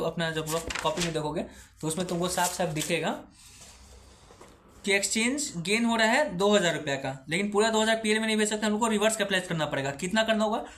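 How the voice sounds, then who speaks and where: A man's voice: high voice, fairly bright tone. A man giving a recorded accounting lecture who patiently asks questions and answers them himself, mixing English terms into his speech.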